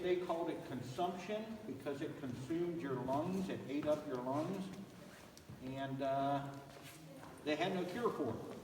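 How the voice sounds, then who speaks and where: A man working as a cave tour guide, telling stories in a relaxed way with filler "uh"s, his voice echoing through a large underground cave. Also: on the high side, a little hiss or hum. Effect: echoing cave acoustics. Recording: roomy cave echo, voice from far off.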